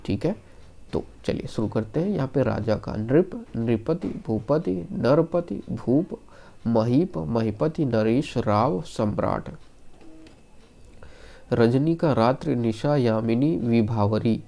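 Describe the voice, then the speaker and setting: A man teaching an online Hindi exam-prep lesson, slightly hoarse from being unwell, reeling off lists of words and reassuring his students. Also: medium pitch, animated, slow, warm tone. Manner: rattles off word lists, reassuring asides to students.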